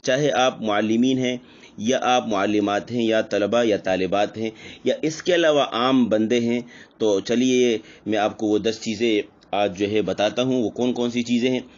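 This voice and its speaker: A man teaching Quran recitation rules in a slow lesson, patiently repeating each example with drawn-out pronunciation. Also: medium pitch, highs cut off.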